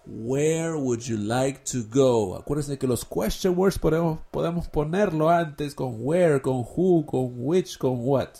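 A man, teaching English on a podcast and slowly repeating each phrase. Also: fairly high pitch, gravelly, dark tone. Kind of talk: podcast English lesson in Spanish.

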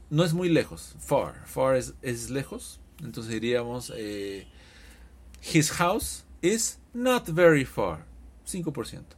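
Lively husky teacher. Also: male voice, a little high. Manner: lively, animated explaining with drawn-out example phrases. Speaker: English teacher. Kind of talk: Spanish-language English lesson podcast.

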